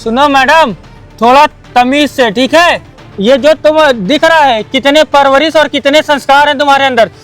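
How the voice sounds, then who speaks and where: Brief: man, unusually high voice, firm and indignant, faint music behind. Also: moderate pace, fairly bright tone. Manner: polite but firm, indignant. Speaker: scrap dealer hiding his wealth in a short film. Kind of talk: scripted dramatic acting.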